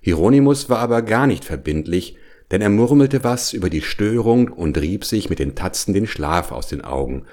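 A man narrating a children's storybook in an unhurried, expressive way. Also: on the low side.

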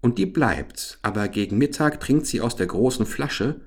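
A man's voice: mid-range voice, lively intonation, normal speed, pitched above the performer's own voice. A man voicing a fierce, wild little robber girl who talks in a bossy, teasing and threatening way.

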